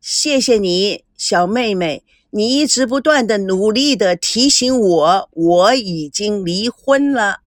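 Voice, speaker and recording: A woman's voice: mid-range voice, animated, slow, few pauses, dry recording. Woman voicing a composed, dryly ironic woman. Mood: wry.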